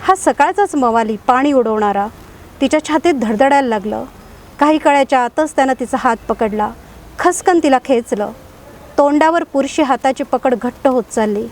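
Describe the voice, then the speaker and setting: A woman with a high voice reads a dramatic story aloud. Her reading is measured and expressive, and she leans into the tense moments without rushing.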